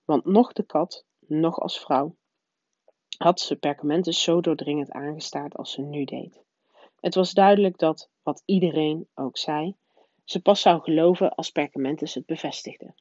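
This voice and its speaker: Soft-voiced woman reading a storybook. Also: deep voice, unhurried, no echo. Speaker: reader. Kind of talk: reading a children's novel aloud. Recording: dull, dry lo-fi recording.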